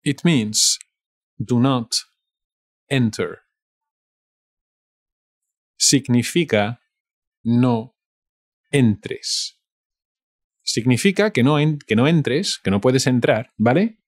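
A man with a Castilian Spanish accent teaching a language lesson, repeating each phrase slowly and explaining grammar in asides. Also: medium pitch, animated, dry recording, clean studio sound. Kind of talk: slow bilingual phrase lesson.

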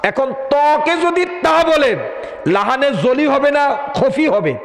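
A very high-voiced male preacher delivers a fiery sermon, throwing rhetorical questions at his listeners and slipping into sing-song chanting. His voice rings through an echoey hall with a long, trailing reverb. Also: lively intonation, unhurried, creaky. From Bangladesh. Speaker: Islamic preacher.

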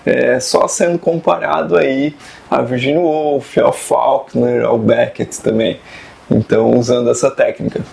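A man's voice: mid-range voice, fairly even intonation, unhurried, creaky, darkish tone. A man, a writing teacher and video host, talking casually to camera about fiction writing with many digressions and asides. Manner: chatty and digressive, with many asides and tag questions.

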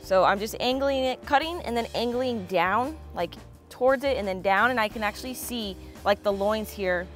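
A woman's voice: a little high, moderate pace, faint music behind. A young woman hosting a fishing and cooking vlog, enthusiastically explaining each step as she fillets fish and makes sushi. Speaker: fishing and cooking channel host.

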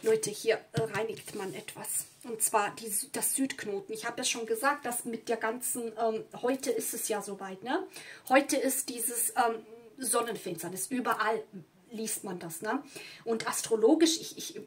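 At a table indoors among candles and flowers, a woman who doesn't speak German natively gives a rambling, casual tarot reading packed with fillers and asides. She speaks at a measured pace in a voice on the high side.

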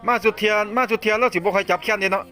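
Isan guy hosting a chat, high lively voice, laughs a lot, music going behind him. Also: racing. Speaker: host. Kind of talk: casual chat.

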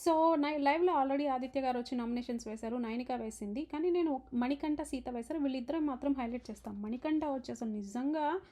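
A woman from India talks through a reality show episode in a quick, chatty monologue. Her voice sits high and she speaks at a brisk pace. She acts out the lines she quotes. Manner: chatty, retells quotes in an animated way. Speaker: reality show recap host. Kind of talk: casual recap monologue. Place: home in the UK.

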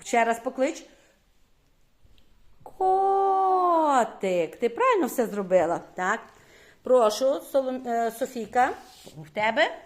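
Encouraging teacher woman, higher voice. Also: lively intonation. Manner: encouraging, quick questioning, frequent praise. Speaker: primary school teacher. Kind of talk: classroom lesson with young children. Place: classroom.

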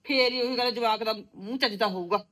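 Woman doing a nosy mouthy village mom, high bright voice, talks fast. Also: close to an everyday voice. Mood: sharp, meddling. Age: middle-aged. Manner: sharp-tongued, meddling, stubborn. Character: meddling outspoken middle-aged village mother. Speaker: visiting mother of a married daughter. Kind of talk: rural village drama acting.

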